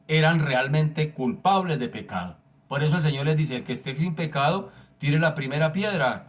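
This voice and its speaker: A man's voice: fairly high pitch, a bit bright. A man preaching a sermon, reading scripture aloud and speaking emphatically and directly to his listeners.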